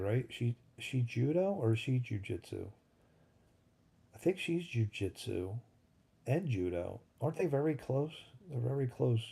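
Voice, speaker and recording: A livestream host in his fifties chats casually and rambles, thinking aloud as he responds to viewers' comments. His medium-pitched voice is creaky, dark and husky.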